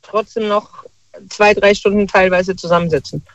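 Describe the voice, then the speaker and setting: A man calling in to a talk show, chatting in a relaxed, hesitant way and agreeing readily. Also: sits high, moderate pace, no echo. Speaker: caller. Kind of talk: casual phone-in chat. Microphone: telephone. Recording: dull dry phone line.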